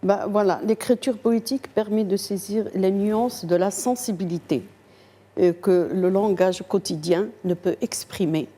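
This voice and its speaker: Older lady, poet guest on tv, talks real slow and soft, lots of pauses. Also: mid-range voice, steady tone. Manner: slow, soft-spoken, hesitant with many pauses. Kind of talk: TV interview. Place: TV studio.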